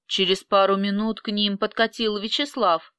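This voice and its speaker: Smooth-voiced woman narrating a story. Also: medium pitch, no room sound. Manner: steady, measured storytelling. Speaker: audiobook narrator. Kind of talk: scripted dramatic narration.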